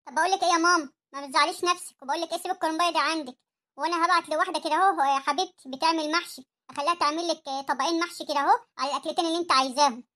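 A woman voicing a loving grown daughter who is hoarse from a cold, caring and tender, with an Egyptian accent, in a cartoon story. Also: extremely high pitch, steady tone, very fast, bright, forceful tone.

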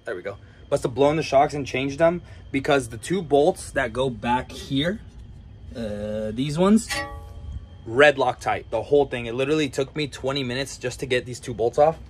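A man's voice: medium pitch, normal speed, faint music behind. A young man chatting casually to his viewers in a vlog, recorded outdoors beside a car on a hot day with a handheld camera. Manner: relaxed, chatty, addresses viewers as "boys". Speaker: car vlogger.

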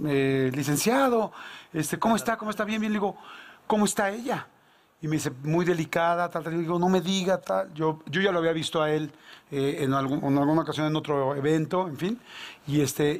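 A man with a Mexican Spanish accent telling a long anecdote on a talk show, animated and slangy, acting out the dialogue. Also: fairly high pitch.

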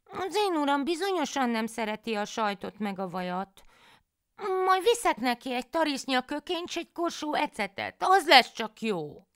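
A woman's voice: high voice, big pitch swings, fairly bright tone, pitched above the performer's own voice. A woman voicing a foolish, cheerful young peasant wife in a folk tale, with naive, pleading speech.

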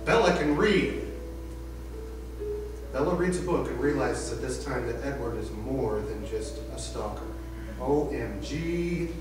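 A man's voice: mid-range voice, a little slow, pauses often. A man narrating a sock puppet parody in a goofy, mock-dramatic way. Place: small stage, camera far off. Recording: far, very echoey room, music behind.

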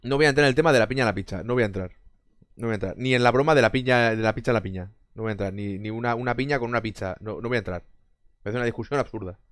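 A man's voice: mid-range voice, racing, a bit bright, no room sound, studio quality. A man from Spain chatting casually on a live stream, answering chat with sarcastic jokes, frequent swearing and bursts of laughter.

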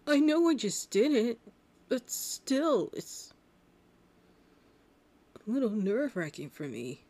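A woman voicing a shy, flustered young male cartoon hedgehog hero in love, husky and hesitant, in an intimate ASMR roleplay. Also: on the high side, sing-song, slow, mellow, pitched above the performer's own voice, heavily acted. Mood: nervous, bashful. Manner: hesitant, stammering, bashful.

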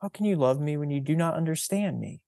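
A man reading aloud and voicing the sea as a calm, wise presence that speaks quietly and gently. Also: fairly high pitch, fast talker, vocal fry, no room sound, studio quality, voice pushed up. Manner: quiet and gentle, soft questioning tone.

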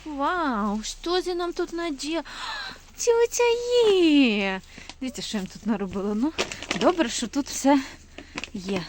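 A woman rescuing a stray dog and puppies, narrating quickly and nervously while filming on her phone outdoors by a forest, slipping into high baby talk with the dogs. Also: animated, background noise. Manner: talks fast when nervous. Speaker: animal rescue volunteer. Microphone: phone camera held while filming.

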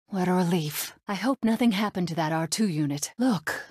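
Princess Leia, resolute rebel leader, close and dry. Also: female voice, lowish voice, moderate pace, a little mellow, no echo. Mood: businesslike. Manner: crisp, assertive, dryly sardonic delivery. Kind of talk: video game character voice clips.

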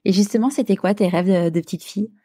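A woman hosting a podcast, asking her guest questions in a friendly, encouraging way. Her pitch sits in the middle of the range. The sound is close and dry, with no room echo. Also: fast, mellow, breathy edge. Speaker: podcast host. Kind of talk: podcast interview.

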